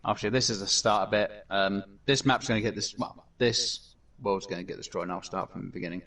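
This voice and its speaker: A man hosts a casual gameplay commentary in a low-set voice, rambling along with plenty of fillers and restarts. He sounds set back from the microphone, as if the mic sits some distance away. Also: steady tone, a little fast, fairly bright tone. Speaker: gaming channel host.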